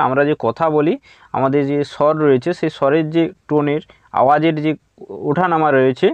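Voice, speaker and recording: A man teaching an exam-prep lesson. He reads English questions slowly and explains them in Bengali, often filling with "thik ache.". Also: on the high side, no room sound. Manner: repeats "thik ache" as a filler. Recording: dull lo-fi dry close mic.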